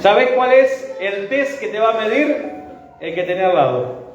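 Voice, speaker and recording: A man's voice: high voice, lively intonation, moderate pace, over music. A man with a Rioplatense Spanish accent, a pastor preaching a sermon and leading his congregation in call-and-response. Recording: echoey hall, dull sound.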